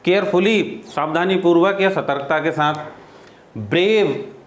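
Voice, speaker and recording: A man teaches grammar at a very slow, deliberate pace, repeating his examples and putting questions to the class. His voice sits a little high, and the room is noticeably echoey. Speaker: English teacher.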